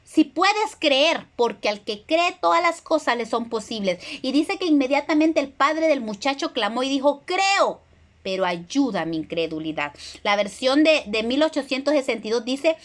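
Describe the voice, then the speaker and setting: High-voiced woman preaching a sermon. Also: lively intonation, moderate pace, few pauses, fairly bright tone. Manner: earnest, retells scripture with dramatic voiced quotes.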